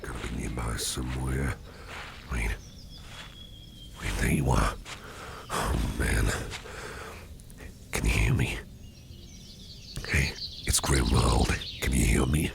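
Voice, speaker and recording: A caring businessman boss, acted by a man for an ASMR roleplay, speaks in an extremely deep, heavily creaky murmur that often slips into whisper. He is gentle, protective and reassuring, taking his words slowly. Clear background noise sits behind the voice. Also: steady tone, heavily acted. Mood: worried, reassuring. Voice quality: breathy near-whisper with gravelly fry. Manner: tender, slow, reassuring murmur. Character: Grimwald, gentle protective businessman boss comforting an exhausted employee. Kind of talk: ASMR roleplay, soothing personal attention.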